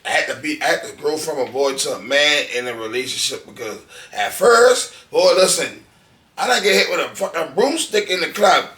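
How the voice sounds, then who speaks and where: Man, podcast guest, blunt profane storyteller, bright tense voice, echoey room, off-mic. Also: on the high side, lively intonation, moderate pace, far from the mic. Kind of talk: casual interview chat.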